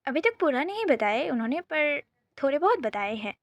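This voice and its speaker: A woman's voice: high-pitched, very animated, dry recording, muffled recording. A woman doing an earnest stubborn young woman. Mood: earnest, insistent. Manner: earnest, quick pleading insistence.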